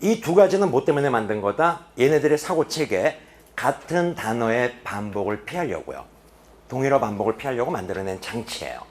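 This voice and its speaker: A man's voice: medium pitch, a little fast, a little hiss or hum. A man teaching an English reading lecture in a classroom, asking his students questions and answering them himself. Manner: animated, with sharp drops to quiet emphasis. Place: classroom at a boarding academy.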